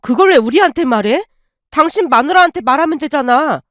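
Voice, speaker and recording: A woman's voice: sits high, expressive, fairly quick, dry recording, clean studio sound. Woman doing a bitter, curt angry mother. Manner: sharp, curt retorts. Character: bitter, angry middle-aged mother, cold.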